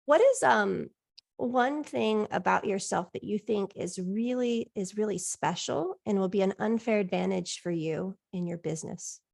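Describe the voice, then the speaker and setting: A woman's voice: medium pitch, normal speed, gravelly, a little mellow. A woman leading a life coaching session in an encouraging, affirming, reflective way.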